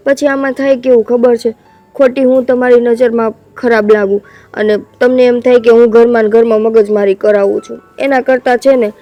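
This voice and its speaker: An actress playing a hurt young wife, complaining softly and tearfully in a family drama. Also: female voice, fairly high pitch, little pitch movement, brisk, lo-fi sound, faint music behind, natural voice. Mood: hurt, subdued. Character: hurt young wife, insulted by sister-in-law.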